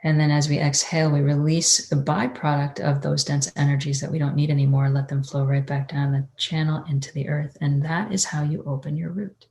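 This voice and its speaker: A woman teaching a guided breathing meditation in a soothing, unhurried, mystical healer's tone. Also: deep voice, little pitch movement, creaky, darkish tone. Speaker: energy-healing teacher.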